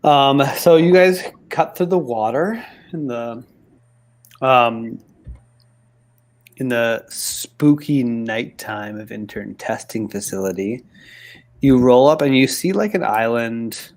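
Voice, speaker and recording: A man running a tabletop game over a video call from home, talking fast with many restarts and fillers. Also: medium pitch. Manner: quick, halting talk with many restarts and fillers. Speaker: game master. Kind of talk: casual chat and game narration on a live stream. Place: home in Halifax.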